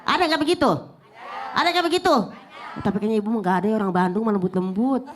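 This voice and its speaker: A middle-aged woman preacher giving a lively TV sermon, acting out scolding mothers and teasing her audience in chatty asides. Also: mid-range voice, fast talker, slight background noise. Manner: animated, acts out scolding mothers and children.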